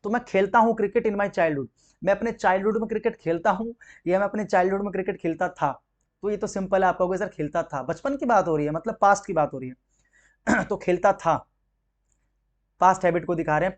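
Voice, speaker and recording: A man with a notably high-pitched voice teaches English grammar to exam candidates. He walks through each point step by step, tossing out rhetorical questions and answering them himself. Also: quick pace. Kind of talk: exam-prep grammar lesson.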